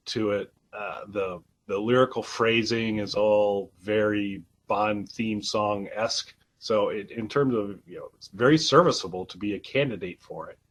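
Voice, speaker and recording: A man's voice: lowish voice, low-quality recording. A man co-hosting a casual album review podcast, talking in a hesitant way with many restarts. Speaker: podcast co-host.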